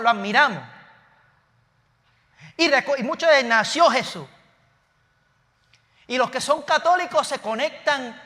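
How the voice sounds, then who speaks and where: A pastor from Puerto Rico preaches a sermon from a church stage in a Puerto Rican Spanish accent. He mixes earnest points with casual asides and quick self-corrections. His high voice sounds bright and forceful, trailed by a long hall reverb.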